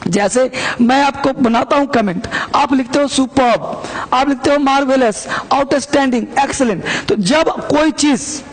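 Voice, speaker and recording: A man's voice: extremely high pitch, moderate pace. A man teaching spoken English phrases in a lesson, explaining patiently and repeating key phrases for practice. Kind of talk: Hindi-language English lesson.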